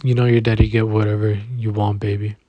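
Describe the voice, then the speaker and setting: A man reading the lines of a gruff but doting middle-aged father for an audiobook. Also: fairly low pitch, level tone, fairly quick, no room sound, highs cut off, natural voice.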